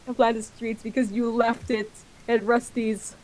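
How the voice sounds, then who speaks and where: A woman game master narrating a tabletop game casually, improvising in a halting way. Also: a little high, level tone, darkish tone. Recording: noisy recording with clicks.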